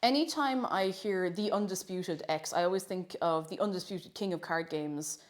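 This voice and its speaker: A woman's voice: lowish voice, moderate pace. A woman hosting a casual livestream, chatting playfully with viewers, repeating phrases and slipping into sing-song nonsense syllables. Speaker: live streamer host. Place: kitchen at home.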